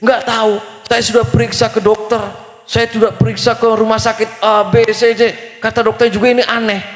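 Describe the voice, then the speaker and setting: A man's voice: high voice, little pitch movement, normal speed, natural voice. A man voicing a skeptical, distraught father inside his sermon story. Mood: worried. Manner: defiant, then pleading. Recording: echoey reverberant hall.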